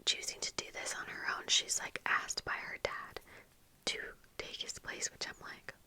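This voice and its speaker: A woman in her thirties, an ASMR video creator, whispers breathily close to the mic in a whispered get-ready-with-me chat, telling casual, halting, meandering stories in a bright, forceful tone. She's in a small indoor room with bookshelves, using a close furry-covered microphone on the desk with earphones in.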